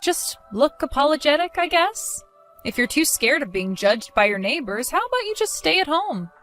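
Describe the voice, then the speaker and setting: A woman's voice: high-pitched, very animated, moderate pace, fairly bright tone, faint music behind. A woman voicing a protective young mother in a dramatized story, accusing and sarcastic.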